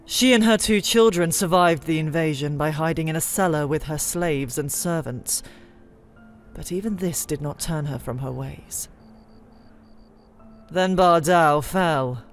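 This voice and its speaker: A woman with a low voice narrates fantasy lore as a scripted dramatic story, her phrasing solemn, theatrical, and deliberate, over a music bed.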